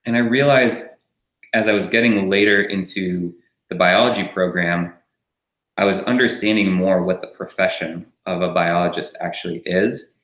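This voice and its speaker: A man's voice: deep voice, fairly even intonation, normal speed, fairly bright tone, echoey room. A man raised in France, a startup co-founder, talking easily as an interview guest, with fillers and frequent laughs. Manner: easygoing, laughs often, rambles with fillers. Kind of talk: relaxed conversational interview.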